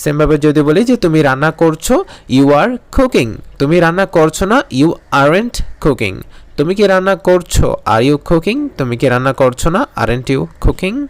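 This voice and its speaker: A man teaching spoken English in a Bengali lesson. His voice sits somewhat high, and he slows right down on each English example sentence. The recording is close and dry, with no room sound. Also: lively intonation, smooth, dry recording. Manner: says English example sentences slowly and deliberately.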